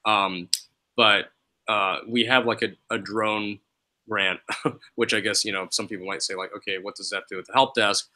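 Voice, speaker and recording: A man's voice: on the low side, steady tone, normal speed, bright, forceful tone, rough recording. A man, a teacher who runs a student help desk, talking casually and loosely with many fillers. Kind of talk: casual discussion.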